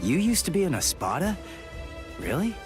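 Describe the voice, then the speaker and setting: A man's voice: on the high side, huge pitch swings, normal speed, over music. An actor playing a determined teenage swordsman hero in an anime game dub, blunt and impatient. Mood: dry puzzlement.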